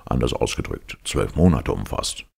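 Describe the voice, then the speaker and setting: A man with a very deep, gravelly voice voicing an easygoing captain who gives way in argument. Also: normal speed, heavily acted. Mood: calm. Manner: calm, conceding. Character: easygoing male sea captain, yielding.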